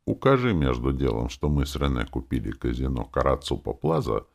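Deep gravelly male audiobook narrator. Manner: wry and sardonic, sharp character shifts. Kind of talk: first-person audiobook narration.

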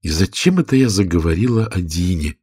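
A man's voice: medium pitch, big pitch swings, moderate pace, husky, no echo, studio quality, voice pushed up. A man voicing a polite, curious young girl in a storybook reading, speaking eagerly in a raised voice. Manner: polite, eager, rising questions.

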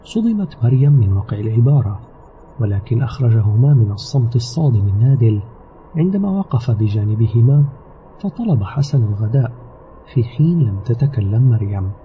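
A man narrating an audio novel in a steady, measured storytelling manner. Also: mid-range voice, a little hiss or hum. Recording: slightly dull recording with background music. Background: soft music.

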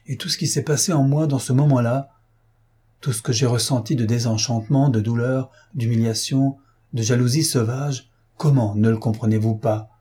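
Male reader doing a jealous young nobleman, passionate and bitter, dark husky tone. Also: medium pitch, fairly even intonation, normal speed, lightly acted. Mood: anguished.

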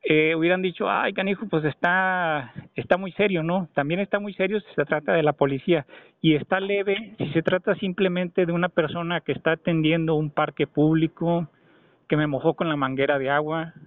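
On a tinny phone line, a male caller argues with an official, insistent and long-winded. His voice is slightly high and steady in tone, his pace moderate, with no room sound.

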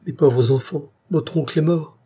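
Male reader doing an old housekeeper lady in a storybook, sobbing and broken, raised and husky. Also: fairly high pitch, moderate pace, mellow, voice pushed up. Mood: grief-stricken. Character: old grieving female housekeeper.

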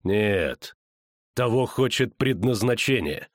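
A man voicing a calm young male knight who speaks softly and with steady resolve. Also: no room sound, studio quality. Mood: resolute. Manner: soft, measured, low delivery.

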